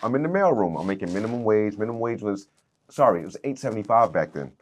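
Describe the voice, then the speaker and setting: A man in his thirties, a podcast guest, telling his life story in a casual, animated way, peppered with "man" and "dude.". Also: lowish voice, fast, slight background noise. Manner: animated storyteller, swings loud and soft, repeats "man" and "dude".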